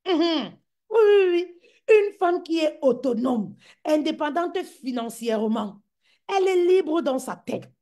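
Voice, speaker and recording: A woman's voice: high voice, expressive, measured pace, dark tone. A woman giving a motivational talk to women as a business coach, emphatic and repetitive, calling her listeners queens and mama.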